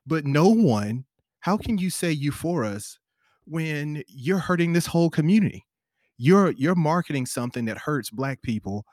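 A man in a casual panel discussion, making an animated, pointed argument. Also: mid-range voice, dry recording, studio quality.

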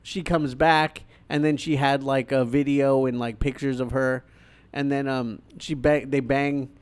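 A man's voice: mid-range voice, little pitch movement, measured pace, clean tone. A man chatting casually about films as a podcast co-host. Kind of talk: casual film discussion.

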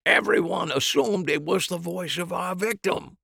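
A man's voice: high-pitched, normal speed, creaky, pushed and bright, breathy edge, dry recording, clean studio sound, voice pushed up, exaggerated voice. A man voicing an emphatic amateur sleuth explaining a crime in a mystery story.

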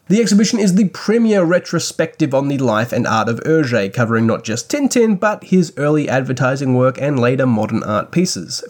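A man hosting a podcast, reading scripted news commentary with dry, wry asides. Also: mid-range voice. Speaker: podcast host.

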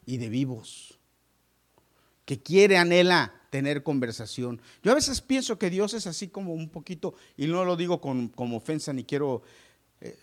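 A male pastor preaching a sermon to his congregation, moving between loud exclamations and hushed asides. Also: on the high side.

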